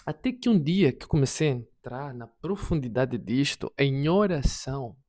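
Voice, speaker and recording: A man preaching a personal testimony sermon, swinging between hushed and loud, repeating words for emphasis. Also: mid-range voice, expressive, normal speed. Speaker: prophet preacher.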